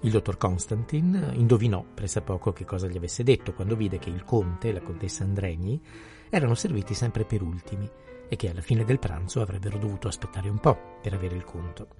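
A man narrating a novel in a steady, even literary reading. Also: low-pitched, a little fast, music in the background. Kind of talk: scripted audiobook narration.

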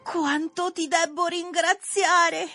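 A woman's voice: extremely high pitch, little pitch movement, slow pace, sharp tone, soft background music, exaggerated voice. A woman voicing a frightened little wooden puppet boy in a radio drama, pleading and tearful. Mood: grateful.

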